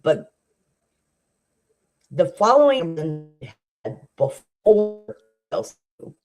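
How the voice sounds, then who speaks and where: A man's voice: sits high, big pitch swings, drawn-out words, faint music behind. A man on a remote online call that is breaking up, talking bluntly in a casual drama chat. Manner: blunt and opinionated. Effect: internet call breaking up.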